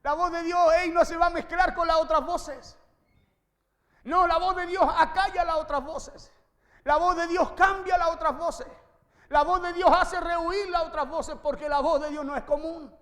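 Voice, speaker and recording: Preaching passionately in a big, echoing hall, a man urges on his congregation and repeats phrases to drive them home. His voice is very high-pitched and fairly bright, steady in tone, at a moderate pace.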